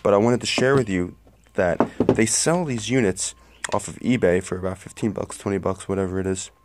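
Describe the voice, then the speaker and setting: A man's voice: on the low side, fairly quick, very noisy. A man in a garage explaining a car part repair while filming one-handed on his phone, plain-spoken and a bit apologetic. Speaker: home mechanic. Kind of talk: casual how-to vlog. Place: garage workbench under a tent. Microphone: phone held one-handed close to the work.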